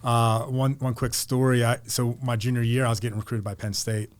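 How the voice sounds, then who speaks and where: A middle-aged man from Pennsylvania talks as a podcast guest, his stories loose and full of restarts. His voice sits at an ordinary mid pitch and his delivery stays relaxed and conversational. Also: brisk. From Pennsylvania, United States. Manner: rambling, with many restarts and repeated words. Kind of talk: casual storytelling interview.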